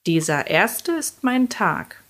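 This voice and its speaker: A woman voicing a gruff, menacing old witch who growls and speaks slowly and slyly. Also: medium pitch, big pitch swings, fairly bright tone, heavily acted. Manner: growling, slow and sly.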